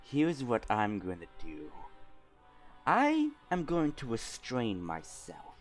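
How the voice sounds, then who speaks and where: A man voicing a grim female gunslinger in a tabletop game, speaking with slow, theatrical menace. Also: medium pitch, wildly swooping pitch, faint music behind. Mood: grim threat.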